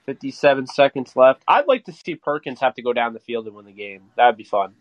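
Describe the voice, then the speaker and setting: Guy co-hosting a watch party podcast, excitable, laughs a lot, dry muffled lo-fi audio. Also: mid-range voice, dry recording. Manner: excitable, laughs often, quick reactions. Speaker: podcast co-host. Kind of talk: casual live game commentary. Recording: dry, dull lo-fi sound.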